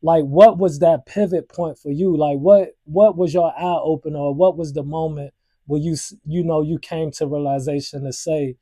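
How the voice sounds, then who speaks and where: A man's voice: on the high side, steady tone, normal speed, dark tone, no room sound. An American man interviewing in a casual, reflective way, repeating words as he frames his questions.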